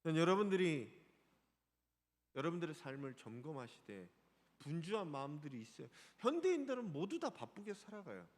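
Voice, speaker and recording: A man's voice: a little high, moderate pace, big-room sound. A male pastor preaching a Sunday sermon in a church sanctuary, asking the congregation questions. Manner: animated, asks the congregation questions.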